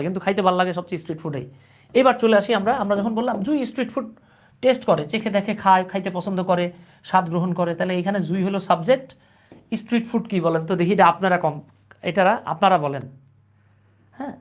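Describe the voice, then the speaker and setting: A man with a Bangladeshi accent runs an online grammar lesson. He talks in a casual, colloquial way, throwing in jokes and asking viewers questions as he explains. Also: high-pitched. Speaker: English teacher.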